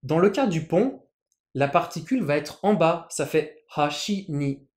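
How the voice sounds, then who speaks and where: A teacher walks through a language lesson with patience, repeating words and restarting phrases as they explain. The voice sits in a middling pitch. The recording carries a clear echo from the room. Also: lively intonation, moderate pace, darkish tone. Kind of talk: explanatory lesson with written examples.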